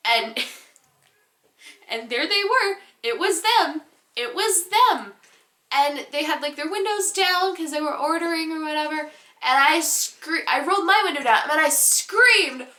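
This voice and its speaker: A teenage girl with a high, bright voice tells a story-time vlog, animated and giggly with rambling asides. She talks at an unhurried pace, and her voice rings around a roomy, echoey space. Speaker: vlogger.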